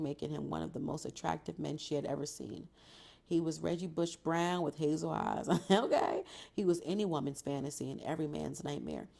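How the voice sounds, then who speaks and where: A woman's voice: low voice, vocal fry, a little mellow. A woman reading a novel aloud and breaking off for casual, profane reactions. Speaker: book reader and reactor.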